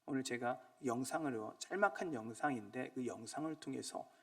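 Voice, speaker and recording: A man preaching a Sunday sermon as pastor. He asks rhetorical questions and swings from loud emphasis to near-whispers. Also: medium pitch, normal speed, vocal fry, recorded from a distance. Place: church sanctuary.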